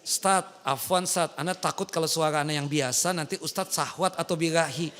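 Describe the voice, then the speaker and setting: A man voicing a timid, polite woman caller who speaks softly and hesitantly to a preacher. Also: mid-range voice, fast talker, smooth, long reverb tail, pitched below the performer's own voice, natural voice. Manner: soft, hushed, hesitant.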